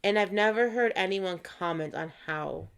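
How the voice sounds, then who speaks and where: Woman, young, Minnesotan accent, podcast co-host, gravelly voice, animated and profane. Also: medium pitch, moderate pace, a crowd in the background. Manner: animated, swears freely, laughs often. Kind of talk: casual chat.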